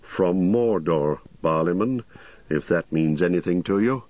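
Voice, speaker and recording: A man voicing a stern, grave male ranger who speaks bluntly and deliberately in a storybook reading. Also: sits low, dry recording, muffled recording. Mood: grave, quiet.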